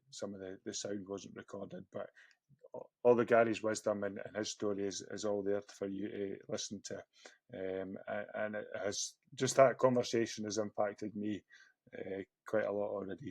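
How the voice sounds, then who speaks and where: A Scottish man hosting a podcast interview, talking in a halting way with many restarts and fillers. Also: on the low side, creaky, darkish tone, no room sound. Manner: hesitant, lots of restarts and fillers. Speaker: podcast host.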